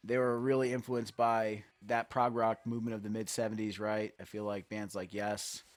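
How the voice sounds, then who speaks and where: A man's voice: fairly low pitch, little pitch movement, normal speed, dry recording. A man hosting a casual music chat podcast, easygoing and rambling with fillers. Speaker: podcast host.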